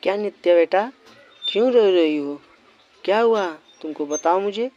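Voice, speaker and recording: A man voicing a poor village father in a doll cartoon, loud and earnest. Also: a little high, fairly even intonation, normal speed, muffled recording, natural voice. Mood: caring. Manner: loud, earnest, gentle to his daughter.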